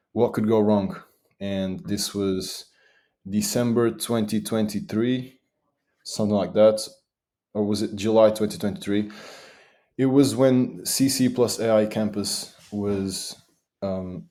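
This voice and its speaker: A man's voice: lowish voice, mellow. A man in his twenties from Portugal, chatting eagerly as an interview guest with many fillers. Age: 20s. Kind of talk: casual interview talk.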